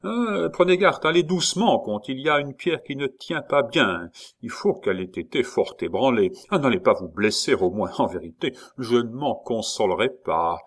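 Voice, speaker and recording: A man's voice: medium pitch, animated, normal speed. A man voicing a mocking, nonchalant young nobleman about to fight a duel, speaking with airy irony. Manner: teasing, ironic, airy.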